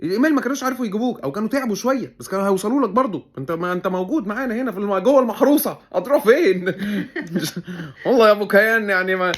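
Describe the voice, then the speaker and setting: A man's voice: high voice, lively intonation, racing. A man with an Egyptian Arabic accent hosting a comedy show, giving sarcastic, mock-serious commentary in a teasing way.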